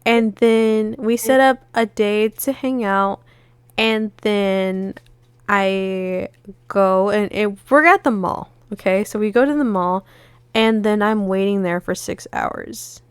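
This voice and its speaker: A podcast co-host tells a long, rambling story in a casual chat, acting out what people said through quoted dialogue. Her medium-pitched voice is slow and smooth, and the recording is dry.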